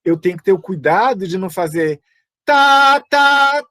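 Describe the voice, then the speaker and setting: A man's voice: high voice, fairly even intonation, fast talker, darkish tone, no echo. A Brazilian Portuguese-speaking man teaching music over a video call, chatty and full of asides. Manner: chatty, lots of fillers and asides. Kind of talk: online teaching talk.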